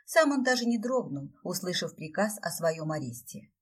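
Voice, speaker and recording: Husky woman narrating an audiobook. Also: lowish voice, big pitch swings, moderate pace, recorded from a distance. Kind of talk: first-person fantasy audiobook narration.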